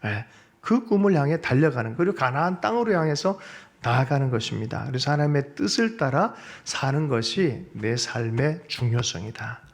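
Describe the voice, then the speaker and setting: A male pastor preaching a sermon in a church, animated and often asking the congregation questions. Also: medium pitch, moderate pace. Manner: animated, asks the congregation questions and seeks their agreement. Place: church sanctuary.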